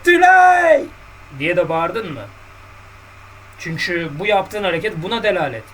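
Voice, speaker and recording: A man's voice: sits high, normal speed, a bit bright, recorded from a distance, rough recording. A man coaching on dating in a casual podcast monologue, blunt and colloquial, lecturing his listeners directly.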